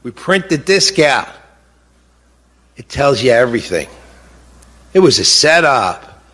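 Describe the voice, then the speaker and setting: A man's voice: mid-range voice, sing-song, slow pace, a bit bright. Blunt, indignant middle-aged man. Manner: blunt and indignant, repeats words for emphasis, fires rhetorical questions. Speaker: interviewee, bereaved father. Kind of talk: impassioned spoken testimony.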